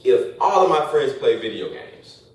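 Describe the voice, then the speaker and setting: A man's voice: mid-range voice, sing-song, moderate pace. A man giving a joking motivational talk to college students in a classroom, tossing out rhetorical "right?" questions. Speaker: speaker addressing college students. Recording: very echoey room from a distance, faint noise.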